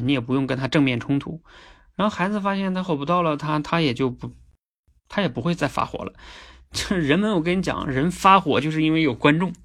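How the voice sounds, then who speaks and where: This is a man chatting casually on a livestream, his voice sitting a bit high with a fry-like rasp. He speaks earnestly and conversationally, often pausing to check in with listeners. At times he presses a point with clear emphasis. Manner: chatty, often adds tag questions. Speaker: livestream host.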